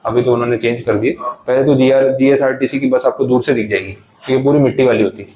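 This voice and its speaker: A man's voice: mid-range voice, fairly even intonation, quick pace, a little mellow, low-quality recording. A male tax lecturer in a classroom, explaining step by step in English.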